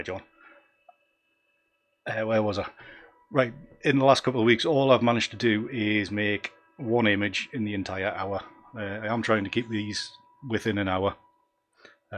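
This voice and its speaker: A man's voice: fairly low pitch, a bit bright. A man with a Northumbrian accent hosting a casual live stream, talking in a rambling, self-deprecating and easily sidetracked way. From Northumberland, England. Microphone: desktop microphone.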